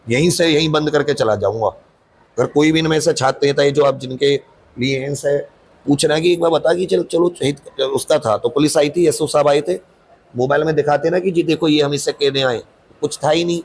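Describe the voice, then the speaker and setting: A man's voice: on the high side, fairly quick, a little hiss or hum. A man, a coaching teacher, answering interview questions in a defensive, insistent, rambling way.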